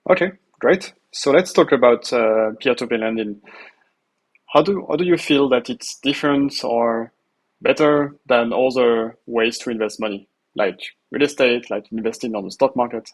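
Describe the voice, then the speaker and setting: Husky-voiced man asking interview questions. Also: medium pitch, moderate pace, rough recording. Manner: friendly, brief prompts with fillers. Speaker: interviewer, host.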